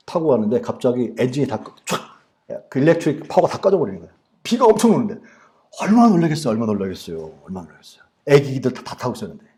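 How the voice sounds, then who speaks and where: A man in his forties, a pastor from Korea, preaching a sermon and telling a personal story in a lively, storytelling way. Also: medium pitch. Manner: animated storytelling, acting out his past anger in prayer.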